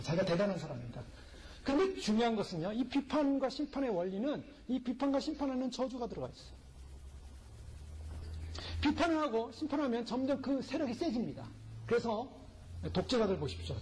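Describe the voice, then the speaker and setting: A man's voice: sits high, a little mellow, slight background noise, low-quality recording. A male pastor preaching a sermon, delivering it emphatically and firing rhetorical questions at the congregation.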